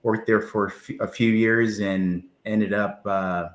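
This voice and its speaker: A man in his twenties, originally from Zimbabwe, answering interview questions in a relaxed, friendly way with frequent fillers. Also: lowish voice, a little slow, reverberant. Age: 20s. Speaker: guest, financial planner.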